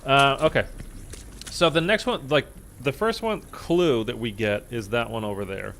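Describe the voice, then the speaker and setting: A man's voice: mid-range voice, moderate pace, a bit bright. A man giving rambling, offhand gameplay commentary as a casual streamer. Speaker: gaming streamer. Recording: clear background noise from game.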